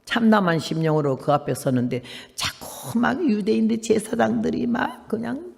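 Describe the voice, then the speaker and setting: 팔십 대 할머니 선교사가 거칠고 걸걸한 목소리로 설교합니다. 대화를 직접 흉내 내며 생생하게 이야기를 풀어 가고, 힘주어 되묻는 질문을 던집니다. 울림이 길게 남는 넓은 예배당 녹음입니다. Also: female voice, mid-range voice, normal speed, vocal fry. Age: 80s. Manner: animated storytelling, acts out dialogue, emphatic rhetorical questions. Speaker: missionary preacher. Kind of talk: sermon. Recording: long hall reverb.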